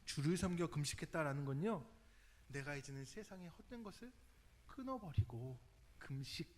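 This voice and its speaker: Lively high-voiced Korean pastor preaching. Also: male voice, moderate pace. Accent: Chungcheong Korean, drawn-out speech. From Chungcheong region, Korea. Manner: lively and conversational, asks the congregation questions. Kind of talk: youth service sermon.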